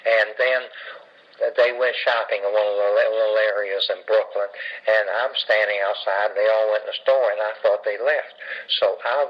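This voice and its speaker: A man's voice: lowish voice, fairly even intonation. Older Southern man telling family stories. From Jacksonville, Florida. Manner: rambling, halting storytelling with restarts. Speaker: family storyteller. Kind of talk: casual family reminiscing. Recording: dull lo-fi home recording.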